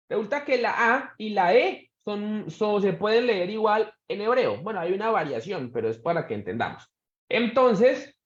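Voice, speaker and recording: A man with a fairly high, very animated voice gives a church Bible lesson. He keeps asking his students questions and slows his words to make a point. The recording is roomy and a little muffled. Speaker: Bible teacher. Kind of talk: church Bible class lecture. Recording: echoey room, dull sound.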